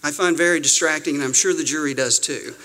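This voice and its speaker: A man's voice: fairly high pitch, quick pace, background noise, close to an everyday voice. A man doing a prim Southern judge. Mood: scolding. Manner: prim, scolding formality. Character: stern older male Southern judge, prim and disapproving.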